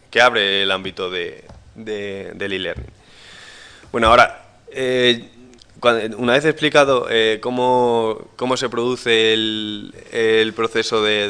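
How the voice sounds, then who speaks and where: A man's voice: lowish voice, pushed and bright, clean tone. A man giving a conference talk from slides to an audience, hesitant, with many restarts and fillers. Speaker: conference speaker.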